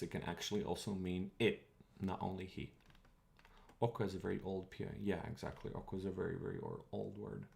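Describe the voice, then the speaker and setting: Low gravelly man explaining linguistics. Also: a little mellow. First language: Croatian. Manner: chatty, digressive, thinking aloud with fillers. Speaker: streamer teaching linguistics. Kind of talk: casual live-stream lecture.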